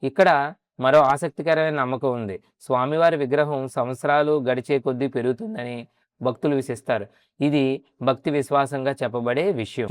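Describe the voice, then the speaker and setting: Smooth, dry-voiced male vlogger. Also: mid-range voice, no echo. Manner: polite, adds a respectful "andi" often while showing the site. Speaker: travel vlogger and temple guide. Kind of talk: narration and casual guided tour.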